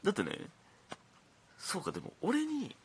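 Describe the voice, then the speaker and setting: Here the young comedian's voice is high, with wildly swooping pitch, vocal fry, and a slightly rough edge, moving at a moderate pace. Speaking Kansai Japanese, he hosts his own talk show, telling rambling, chatty stories in a casual monologue and frequently starting over.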